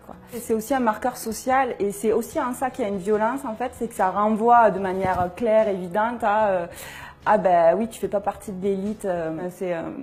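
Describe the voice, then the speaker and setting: A woman's voice: mid-range voice, a little mellow. A young woman giving a personal testimony in an interview, speaking in a reflective, hesitant way as she searches for words.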